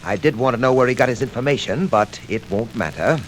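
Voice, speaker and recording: An actor playing a smug, cold-blooded crime boss, suave and theatrical, in 1940s radio style. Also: male voice, medium pitch, fairly quick, close to an everyday voice, rough recording. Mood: smug menace. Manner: suave, taunting, theatrical menace. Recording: old radio show record with surface hiss.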